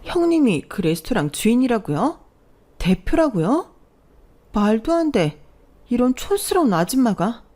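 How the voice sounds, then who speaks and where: A woman doing a shrill spoiled young sister-in-law. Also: sing-song, unhurried, dark tone. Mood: incredulous. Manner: shrill, indignant. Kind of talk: storybook voice acting.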